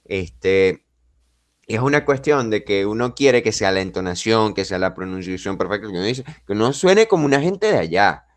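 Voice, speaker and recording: A Venezuelan man with a fairly low voice hosts a casual podcast conversation. He muses aloud, reflective and chatty, with touches of self-deprecating humor. The sound is close and dry, with no room around it. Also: animated, moderate pace, no room sound. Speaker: podcast host. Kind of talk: casual interview chat.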